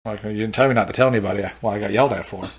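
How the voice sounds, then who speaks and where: A man's voice: on the low side, racing, slight background noise. A man co-hosting a podcast, telling work stories in casual chat and laughing as he goes. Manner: animated, laughs through his stories. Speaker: podcast co-host.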